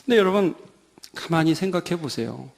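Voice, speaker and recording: A male pastor preaching a Sunday sermon with dramatic swings, rising loud and then dropping to a hush. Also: fairly high pitch, animated, fairly quick, vocal fry.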